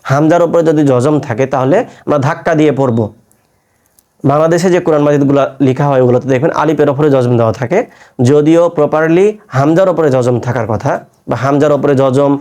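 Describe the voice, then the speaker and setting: A man leads a step-by-step Quran recitation lesson, his voice sitting a little high for a man. He spells out each letter and vowel mark, then chants the joined word in a slow, drawn-out recitation tone. He often asks his listeners a question and answers it himself. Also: darkish tone.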